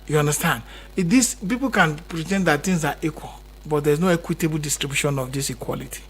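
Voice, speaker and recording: A man's voice: fairly high pitch, quick pace, slightly rough. A Nigerian man speaking as a radio guest, impassioned and repetitive, pushing harder as he stresses his points. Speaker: guest commentator. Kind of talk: radio interview.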